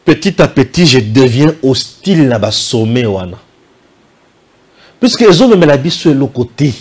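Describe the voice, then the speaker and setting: A man's voice: medium pitch, big pitch swings, moderate pace, husky. A man from DR Congo with a Congolese French accent, giving indignant political commentary full of rhetorical questions. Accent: Congolese French, Kinshasa.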